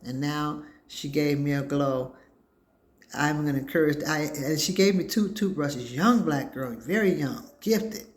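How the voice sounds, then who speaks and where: A woman's voice: sits low, measured pace. A woman hosting her own talk show, telling rambling stories in casual chat and acting out what people said. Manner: chatty storyteller, acts out quoted dialogue.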